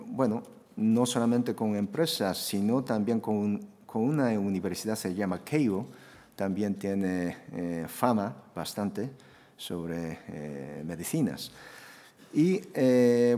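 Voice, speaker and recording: Slow hesitant man with Japanese accent. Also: lowish voice, warm tone. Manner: hesitant, many fillers and restarts. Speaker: conference panelist. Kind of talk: conference presentation. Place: conference hall. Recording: echoey conference hall.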